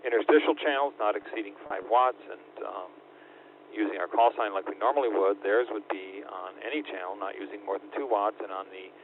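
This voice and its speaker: A man's voice: fairly low pitch, a little fast. Man over a static-filled two-way radio. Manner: hesitant, many ums and uhs. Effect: two-way radio transmission with static. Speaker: radio net control operator. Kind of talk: hosting an on-air radio net. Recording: tinny radio line with faint static.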